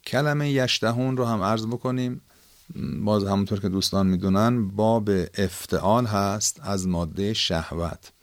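The teacher here is a man with an Iranian Persian accent whose low voice carries no room sound. Conversational and explanatory, his Quran lesson covers word meanings, and he rewords key points as he goes.

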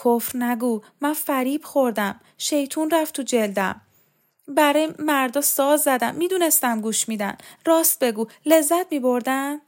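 A woman's voice: sits high, voice pushed up, lightly acted. A woman voicing a frightened, guilt-ridden spinster aunt who pleads and rails in an agitated, self-reproaching way in a storybook reading.

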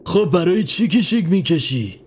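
Voicing a kindly older man who keeps a basket of rabbits, a man asks slow, teasing, coaxing questions. His voice is high, husky and expressive.

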